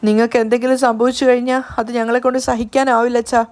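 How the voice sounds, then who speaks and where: Grieving son, pleading fast and smooth, read by a woman narrator. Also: on the high side, flat delivery, a little mellow, close to an everyday voice. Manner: pleading and tearful. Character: anxious grieving young man, a devoted son.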